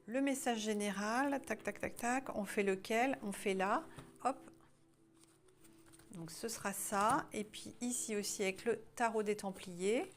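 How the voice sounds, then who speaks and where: A woman's voice: medium pitch, a little slow. A woman giving a casual tarot guidance reading, talking hesitantly with many fillers and restarts, chatty and informal. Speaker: tarot card reader.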